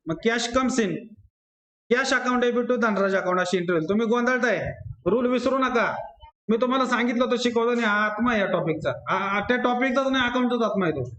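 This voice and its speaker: A man's voice: very high voice, a bit bright. A man with a Marathi accent teaching accountancy to a class, repeating rules and calling on students by name. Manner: drills rules by repetition, quizzes students by name. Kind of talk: classroom lecture. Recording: echoey classroom.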